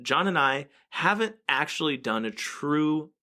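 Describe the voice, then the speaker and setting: A man's voice: fairly high pitch, animated, a little slow, sharp tone. A man co-hosting a gaming podcast in casual chat, joking and laughing often. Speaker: podcast co-host.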